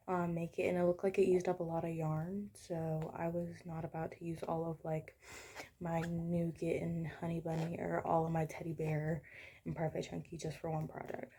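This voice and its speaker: A young woman talking casually and softly while showing her crochet work at home, sometimes dropping to a hush. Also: lowish voice, slight background noise. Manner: soft-spoken, sometimes hushed. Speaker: crochet vlogger. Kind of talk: casual crochet tutorial chat.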